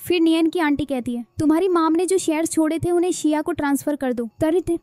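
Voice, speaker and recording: A woman retells a drama's story and speaks all the characters' lines in her own voice. Her voice sits high but has a mellow, soft-edged tone. The sound is close and dry. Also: fast, no echo. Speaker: drama recap narrator. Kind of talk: storytelling recap narration.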